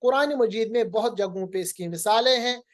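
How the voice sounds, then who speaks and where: A man's voice: sits high, a little fast. A male teacher giving a recorded lesson on Quran recitation rules, patiently repeating each point and sounding out the examples.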